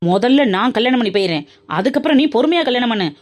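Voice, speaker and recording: A woman's voice: on the high side, animated, very fast, close to an everyday voice. A woman voicing Muthu, a young woman's playful, dramatic best friend in a cartoon. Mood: teasing. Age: young adult. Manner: teasing, dramatic and chatty. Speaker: cartoon character. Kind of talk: cartoon voice acting.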